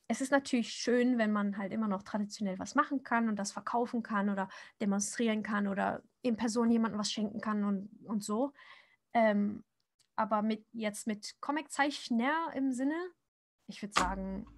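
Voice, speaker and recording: A Japanese comic artist in her thirties answers viewer questions during a casual drawing livestream, her voice a little high. She's chatty and rambling, full of fillers, restarts and frequent laughter. A desk microphone captures dry, close sound with no echo.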